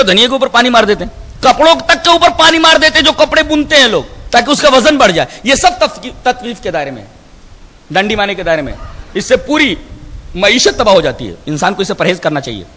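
High, animated preaching man in reverberant hall. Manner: emphatic preaching with rhetorical questions and chanted Arabic recitation. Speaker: Islamic scholar giving Quran commentary. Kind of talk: sermon-style Quran commentary.

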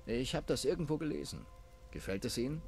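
A man's voice: medium pitch, lively intonation, brisk, creaky, over music. A pompous snobbish councilman. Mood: smug. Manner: pompous, condescending. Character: snobbish male town councilman, pompous and scheming. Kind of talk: dubbed video game dialogue.

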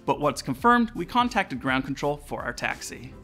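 Speaking at a moderate pace with big swings in pitch, this American aviation host in his forties has a voice on the high side. He gives viewers a scripted explanation over background music from an indoor studio dressed in aviation decor.

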